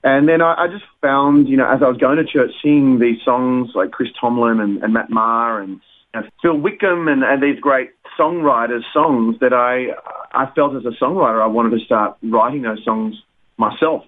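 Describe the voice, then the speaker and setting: A man's voice: medium pitch, normal speed. A man from Australia, a singer and songwriter, telling his story in a hesitant, reflective way as an interview guest. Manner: hesitant, many fillers and restarts, reflective. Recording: phone-line sound.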